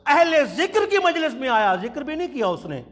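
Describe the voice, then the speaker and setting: High pitched guy giving a fiery sermon in a big echoey mosque, tells stories, chants slow. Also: very animated, fairly bright tone. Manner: impassioned storytelling, chanting quotations slowly. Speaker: preacher. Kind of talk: sermon at a religious conference. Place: large mosque. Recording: long hall reverb.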